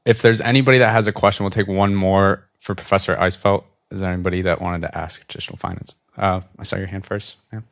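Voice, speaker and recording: A man's voice: deep voice, fairly even intonation, fast talker, hardly any pauses. A man moderating a conference panel, taking questions and announcing the schedule. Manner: announcing logistics to the room. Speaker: event host and moderator.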